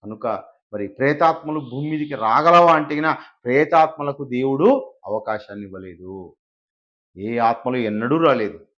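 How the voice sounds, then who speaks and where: A man's voice: medium pitch, expressive, normal speed. A man from India preaching a live sermon, emphatic and full of rhetorical questions to his listeners. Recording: dull lo-fi recording.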